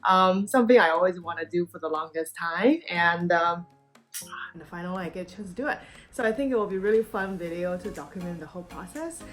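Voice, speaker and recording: A woman's voice: lowish voice, a little fast, fairly bright tone, faint music behind. A woman from China, raised in the United States, talking casually to camera in a product review vlog, meandering with frequent ums and restarts. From born in China, raised in the United States. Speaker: YouTube vlogger.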